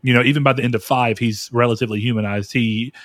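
A man co-hosting a podcast, talking casually and thoughtfully about a film, with drawn-out phrasing. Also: mid-range voice, steady tone, a bit bright, no echo, studio quality. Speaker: podcast co-host.

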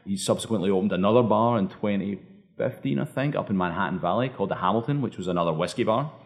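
A man's voice: lowish voice, fast. A man with a thick Scottish accent answering interview questions conversationally as a bar owner. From Scotland.

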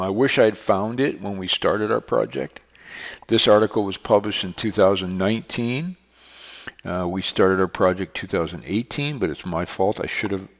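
An older man hosting his podcast in a rambling, self-correcting way, his voice carrying a heavy echo like a canyon. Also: on the low side. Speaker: podcast host and beekeeper. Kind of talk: casual solo podcast talk. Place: unfamiliar studio room. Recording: long echoing reverb, dull lo-fi sound.

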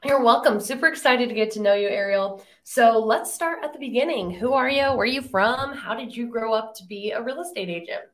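A Tennessee woman hosts a podcast interview, upbeat and chatty with a playful, teasing edge. Her voice sits on the high side and runs fairly quickly, with hardly any pauses.

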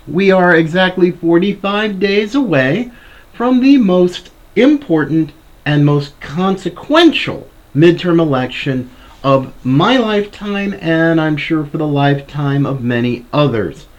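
A man's voice: fairly high pitch, a little mellow. A man hosting a political commentary show, addressing listeners with a ringmaster's showmanship. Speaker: talk show host.

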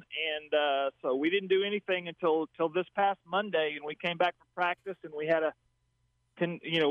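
Male American coach, phone-line sound, slightly high voice, casual interview answers. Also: no echo. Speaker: high school football coach. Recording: tinny narrow phone line.

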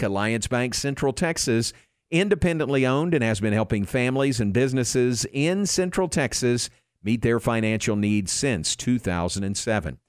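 Excited male prize announcer pitching a sale. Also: clean tone, no room sound, studio quality. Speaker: advertisement announcer. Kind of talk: high-energy retail sale commercial.

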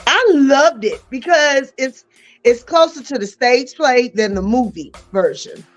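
A middle-aged woman hosting a podcast, chatting in a lively, expressive way and often laughing and exclaiming. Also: high-pitched, unhurried, faint music behind. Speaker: podcast host. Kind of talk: casual chat.

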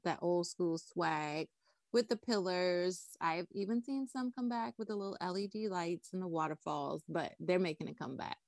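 A woman's voice: fairly low pitch, no room sound. A woman from the Bahamas, a wedding cake designer, chatting upbeat as a podcast guest. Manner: upbeat, chatty, frequent laughs and "like".

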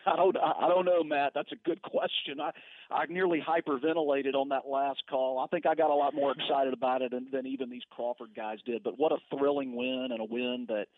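A middle-aged male sports broadcaster speaks casually as a radio guest. His voice sits at a medium pitch. It comes through a thin, narrow phone line with no room echo. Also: steady tone, brisk. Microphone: phone call.

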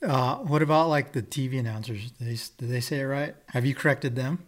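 A middle-aged man hosting an interview, chatty and friendly, asking questions and giving quick backchannels. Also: mid-range voice. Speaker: interviewer, host. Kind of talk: casual interview.

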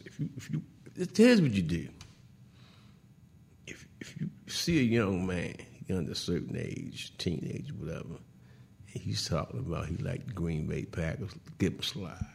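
Gravelly-voiced man hosting a sports talk show. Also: on the low side. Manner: animated, laughing, teasing rival fans; repeats words and restarts often. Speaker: host.

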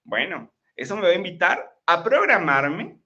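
A man's voice: high-pitched, big pitch swings, moderate pace, pushed and bright, dull audio. A man giving a chatty live-streamed motivational talk, often checking in with his listeners. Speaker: motivational speaker. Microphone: laptop microphone.

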